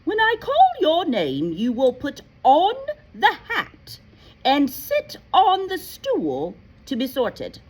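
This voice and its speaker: A woman reading a storybook aloud, voicing a stern female professor who announces names loudly and drawn out. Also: high voice, wildly swooping pitch, takes it slowly, pitched above the performer's own voice, exaggerated voice. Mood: commanding.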